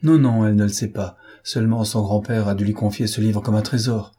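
A man reading an audiobook, voicing a self-assured, ironic gentleman thief in a low, husky voice. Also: steady tone, a little fast. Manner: mocking, breezy.

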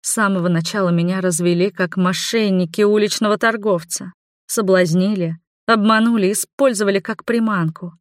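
A woman narrating a first-person audiobook in an expressive, emotional way. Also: medium pitch, moderate pace, no echo, clean studio sound.

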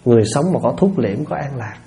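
Male monk, relaxed warm tone, folksy sermon that keeps checking in with listeners. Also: mid-range voice, fast, vocal fry, a little hiss or hum. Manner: folksy, asks listeners rhetorical questions. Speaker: Buddhist monk giving a dharma talk. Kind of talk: conversational sermon.

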